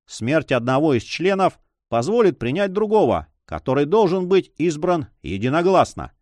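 A man's voice: a little high, big pitch swings, normal speed, darkish tone, no echo, voice pushed up. A man voicing an earnest buccaneer in a raised, eager voice in an audiobook.

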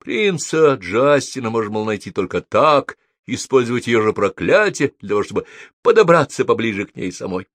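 A man voicing a vain, cowardly young wizard who shouts orders, in a storybook reading. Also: medium pitch, very animated, normal speed, no room sound. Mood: shouting. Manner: shouting, commanding.

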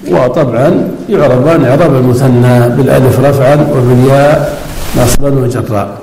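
A man's voice: mid-range voice, brisk, creaky, mellow. A male scholar teaching classical grammar, explaining verse by verse and asking the class questions. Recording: echoey hall with long reverb.

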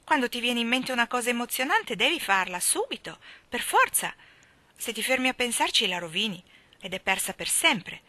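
A woman's voice: animated, moderate pace, sharp tone, no room sound. A woman voicing an impulsive, dreamy orphan girl in an audiobook reading, talking dramatically and pleadingly. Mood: passionate. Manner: dramatic, pleading, rises high.

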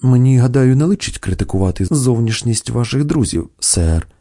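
A man's voice: medium pitch, lively intonation, moderate pace, dark tone. A man voicing a discreet, formal and deferential valet in an audiobook. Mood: composed. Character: discreet, correct male valet.

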